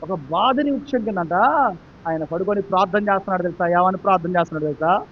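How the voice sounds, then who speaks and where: A man preaching in Telugu with a Telugu accent and a very high, piercing voice. He tells the story dramatically, sometimes soft and low, sometimes loud and urgent. The recording sounds dull and lo-fi. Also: fast talker, slight background noise. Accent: Telugu, Andhra Pradesh. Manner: dramatic storytelling preacher, acts out the characters, swings between quiet and loud. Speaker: pastor. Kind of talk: Telugu sermon.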